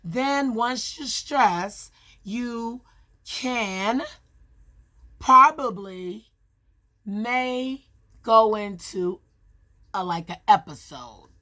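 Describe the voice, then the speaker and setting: A woman talking straight to her viewers in an earnest, emphatic way, with long pauses between short phrases as she shares hard-won advice. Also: on the high side, sharp tone. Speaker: vlogger sharing her experience. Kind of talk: personal advice monologue.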